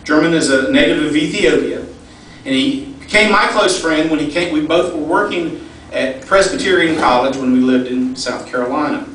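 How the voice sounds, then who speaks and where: A man's voice: on the high side, moderate pace, a bit bright. A middle-aged man giving a personal, folksy storytelling speech at a fundraising event. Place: large event hall. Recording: echoey hall, distant mic, faint noise.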